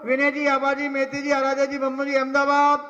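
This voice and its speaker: A man's voice: very high-pitched, completely flat delivery, brisk, bright, forceful tone. A man announcing at a temple ritual, rattling off a long list of donor names and blessings. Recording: echoey temple hall, dull lo-fi sound.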